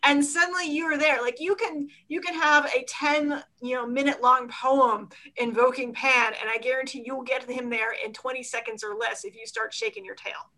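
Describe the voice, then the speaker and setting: A woman's voice: sits high, fairly even intonation, moderate pace, hardly any pauses, bright, forceful tone, poor audio. A woman with a Philadelphia accent, a dance teacher and author, chatting animatedly in an interview and laughing often. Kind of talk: casual interview chat.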